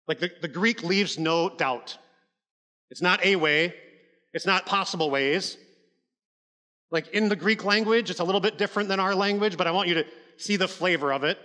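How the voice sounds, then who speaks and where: Male pastor, conversational but emphatic sermon delivery, bright tone, long hall reverb. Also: high voice, moderate pace. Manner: conversational, emphatic preaching with frequent "like" and restarts.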